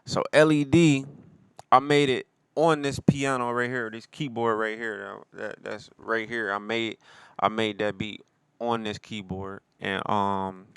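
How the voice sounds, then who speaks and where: A man's voice: fairly low pitch, vocal fry, fairly bright tone, clear, resonant tone, no echo. A man, a rapper and producer, talking casually about his own album in a laid-back way, full of slang and fillers. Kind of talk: casual solo talk.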